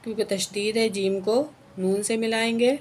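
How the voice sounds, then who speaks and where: A woman's voice: medium pitch, steady tone, a little mellow, slight background noise. Woman teaching Quran recitation word by word. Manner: spells out letters and vowel marks, then recites each word slowly and drawn out; often adds a checking "okay" after each rule.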